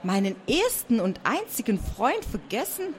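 A woman's voice: on the high side, very animated, measured pace, voice pushed up. A woman doing a chatty, friendly young bat. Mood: lively. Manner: bright and chatty, sleepy when woken. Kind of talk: storybook reading aloud.

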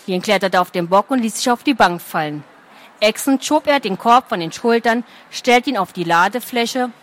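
A woman reading a fantasy story aloud at a steady, expressive pace. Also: medium pitch. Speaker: narrator.

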